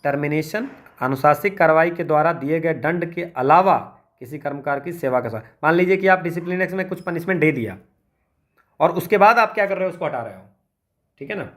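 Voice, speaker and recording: A man teaching an exam revision lecture, explaining step by step, asking rhetorical questions and checking in often with tag questions. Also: a little high. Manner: frequent tag questions like "है ना" and "ठीक है".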